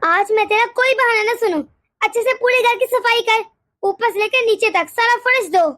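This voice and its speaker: A woman voicing a harsh, scolding older mother-in-law in an animated story, nagging and sharp-tongued. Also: very high-pitched, moderate pace, dry recording, studio quality.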